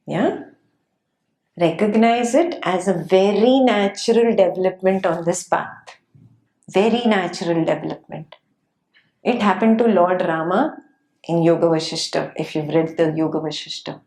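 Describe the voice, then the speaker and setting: A woman teaching a class on Buddhist scripture, explaining gently and often checking in with her students. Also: lowish voice, a little slow, reverberant. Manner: gentle, frequent checking questions, laughs often. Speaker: dharma teacher.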